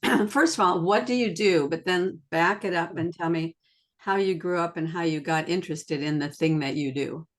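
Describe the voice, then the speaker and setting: A woman hosting a conversational interview with a low-pitched voice. She talks in an effusive, enthusiastic way, full of praise and eager questions. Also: normal speed. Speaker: podcast host.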